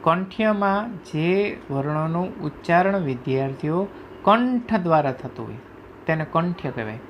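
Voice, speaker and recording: A man teaching a class, explaining sounds slowly, reciting letters one by one and often asking if students follow. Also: fairly high pitch, animated, a little hiss or hum. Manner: repeatedly checks understanding with "right?". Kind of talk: classroom lecture explaining Sanskrit phonetics.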